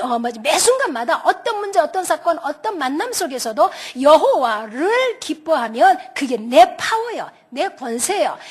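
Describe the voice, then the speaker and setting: Woman preacher, high pitch, very animated, dramatic storytelling, pastor's wife. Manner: dramatic storyteller, shouts out quoted lines; lively, quick-tempered delivery. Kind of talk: animated sermon with acted stories.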